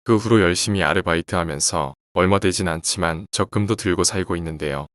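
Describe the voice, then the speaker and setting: A man narrating horror stories for a horror radio channel, reading in a measured, subdued way. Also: low voice, fairly bright tone, no room sound, studio quality.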